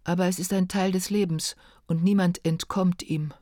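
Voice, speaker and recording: A woman reading a first-person narration in a calm, measured, reflective way. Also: fairly low pitch, no echo, studio quality. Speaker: audiobook narrator.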